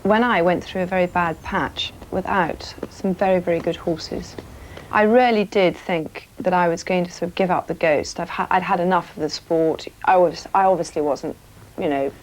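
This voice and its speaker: Lady rider chatting about horses, bit low voiced, frank and wry, slight hiss behind. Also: fairly even intonation, moderate pace, a little mellow, low-quality recording. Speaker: event rider. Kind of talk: documentary interview.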